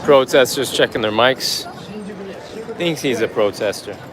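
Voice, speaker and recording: A man live-streaming as he walks a busy city street, rambling in a relaxed way and greeting chat viewers by name. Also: medium pitch, unhurried, crowd noise. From United States. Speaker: livestream vlogger. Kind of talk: casual live-stream chat while walking. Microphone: handheld phone on a gimbal.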